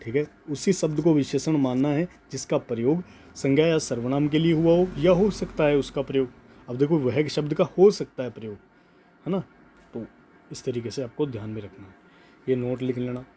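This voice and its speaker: A man teaching a grammar class, slowly dictating notes and repeating key words, often checking in with "okay". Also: medium pitch, dark tone, a little hiss or hum. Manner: slow emphatic dictation, repeats words, frequent "ठीक है".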